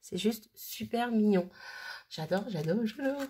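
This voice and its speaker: A woman's voice: medium pitch, lively intonation, unhurried, dark tone, breathy edge. A woman chatting casually as a crafting vlogger, gushing and often stumbling over her words. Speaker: crafting vlogger showing mail she received. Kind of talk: casual chat.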